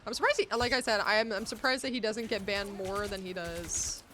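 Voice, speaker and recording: A woman live streamer chatting casually with viewers while gaming, excitable and bubbly, with cutesy greetings and a playful foul mouth. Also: mid-range voice, a little fast.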